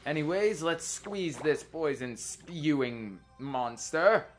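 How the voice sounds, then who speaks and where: A man's voice: fairly high pitch, slow. A young man giving casual, informal, rambling gameplay commentary as the host of a let's play. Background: game music.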